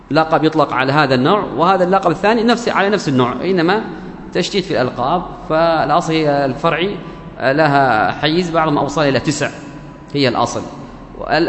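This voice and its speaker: A man's voice: fairly high pitch, slight background noise. Man teaching in an echoey hall. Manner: explains patiently, repeats key terms and examples slowly. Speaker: Quran recitation teacher. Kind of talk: religious lesson on tajweed. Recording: echoey hall with faint ambience.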